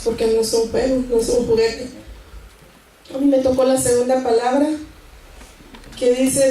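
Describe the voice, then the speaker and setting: A woman's voice: a little high, mellow, recorded from a distance. Nervous woman preaching in an echoey church. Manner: nervous, earnest, with restarts and repetitions. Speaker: church member giving a sermon. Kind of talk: church sermon with Bible reading. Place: church sanctuary. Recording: echoey church hall recorded from afar.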